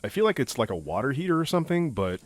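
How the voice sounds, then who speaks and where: A man's voice: medium pitch, very animated, very fast, no echo. A man in his thirties chatting casually while playing a game, rambling and interrupting himself, swearing offhand. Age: 30s. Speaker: let's play host. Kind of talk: casual gameplay chat.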